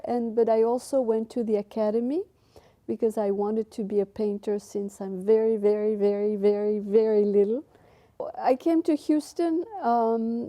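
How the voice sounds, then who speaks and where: An older woman with a very dark, mellow voice recalls her life in a slow interview. She pauses often, restarts her sentences and fills gaps with soft hesitations. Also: medium pitch. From Mexico, raised in Belgium. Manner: unhurried, halting with many fillers and restarts. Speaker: interviewee, painter. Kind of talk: interview recollection.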